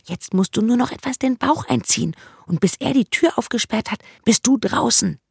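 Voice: medium pitch, lively intonation, normal speed, vocal fry, slightly rough, no room sound, studio quality, voice pushed up, heavily acted. A narrator voicing a bold, fearless young girl who urges a boy on in an audiobook. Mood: coaxing. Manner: urging, bright and teasing. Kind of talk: audiobook character voice.

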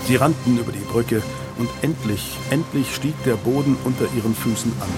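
Brief: male audiobook narrator, mid pitch, steady storytelling, music bed. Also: a little fast. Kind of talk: scripted narration.

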